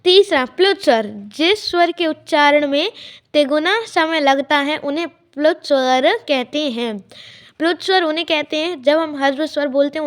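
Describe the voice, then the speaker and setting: A woman teaching a grammar lesson, explaining each point slowly and repeating it with examples. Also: high-pitched.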